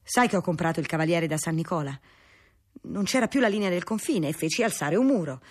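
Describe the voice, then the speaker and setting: A woman voicing a blunt, grasping monk who scolds his relatives, in a husky voice. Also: fairly low pitch, lively intonation, a little fast. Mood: gruff. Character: gruff grasping middle-aged monk.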